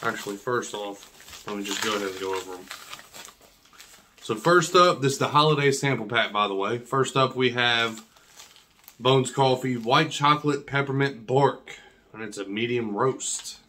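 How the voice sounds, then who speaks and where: A man's voice: medium pitch, moderate pace, sharp tone. A man in his thirties with a whistling s, chatting casually and slangily as he presents an unboxing, often repeating himself. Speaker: coffee review vlogger. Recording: clear background noise and clicks.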